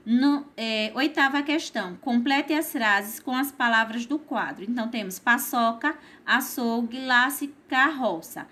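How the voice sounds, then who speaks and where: Woman, Brazilian accent, schoolteacher, patient, higher voice, very slow delivery. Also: pushed and bright. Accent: Brazilian Portuguese. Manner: slow, patient, tags lines with "certo?". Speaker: primary school teacher. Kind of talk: recorded remote class lesson.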